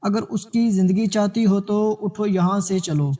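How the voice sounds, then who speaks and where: A quiet, grieving rich man speaks calmly but firmly in a storybook tale, as a high-voiced man reads him. His words come soft and unhurried. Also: close to an everyday voice. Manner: calm and soft-spoken. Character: calm, sad wealthy man, quiet and insistent.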